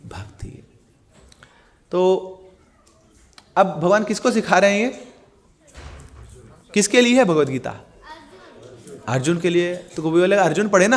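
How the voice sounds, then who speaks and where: Animated high-voiced male Gita teacher. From India. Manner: animated storytelling, acts out quoted characters. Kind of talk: Hindi lecture on scripture with chanted verses.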